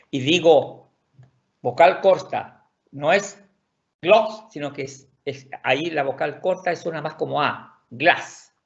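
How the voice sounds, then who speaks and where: Man, online language teacher, patient, repetitive explainer; gravelly, dull lo-fi recording. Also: fairly high pitch. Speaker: Swedish teacher. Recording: dull lo-fi audio.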